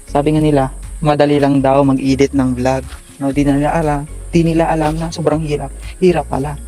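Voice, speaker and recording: A young man casually touring his bean garden outdoors for a vlog, speaking haltingly with many fillers and stumbling over his words, as if filmed on a phone. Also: a little high, level tone, mellow, faint music behind, rough recording. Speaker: farming vlogger.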